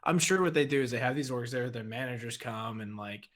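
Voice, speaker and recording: A man in easy podcast chat, rambling along and leaning hard on "like" and "you know". His pitch sits in an ordinary middle range, and he talks in loose, run-on sentences. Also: brisk, a bit bright. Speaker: podcast co-host. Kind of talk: casual chat.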